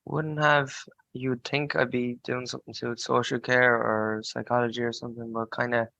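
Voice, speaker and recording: Gravelly young man, flat casual chat. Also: medium pitch, moderate pace, no room sound, muffled recording. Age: early 20s. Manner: colloquial, frequent "like" and "you know". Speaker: podcast guest, student on work placement.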